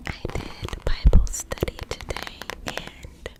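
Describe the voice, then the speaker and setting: A young woman whispers a rambling, confiding ASMR monologue over nail tapping, sometimes repeating her words. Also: takes it slowly. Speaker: ASMR video host. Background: nail tapping on objects.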